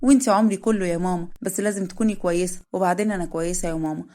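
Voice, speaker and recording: A woman voicing a gentle daughter with an Egyptian accent, soothing her mother. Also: fairly low pitch, steady tone, very fast, close to an everyday voice.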